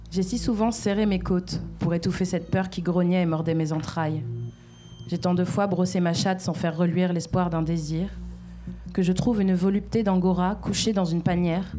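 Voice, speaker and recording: A woman reads a literary text in a measured, refrain-like cadence. Her voice sits a little low and sounds mellow and dark. Faint music runs under her. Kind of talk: literary reading.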